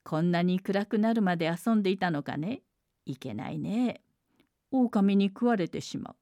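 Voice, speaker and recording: A woman voicing a greedy male forest monster who speaks in a lowered, gruff voice and puts on false kindness. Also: expressive, moderate pace, warm tone, no room sound. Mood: falsely kind.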